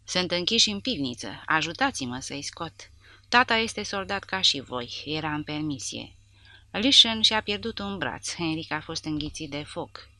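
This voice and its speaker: A woman's voice: sits low, lively intonation, bright, forceful tone, dry recording, heavily acted. Woman reader playing a scared boy begging soldiers to save his family. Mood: desperate. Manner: pleading urgently. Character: terrified young boy pleading for help.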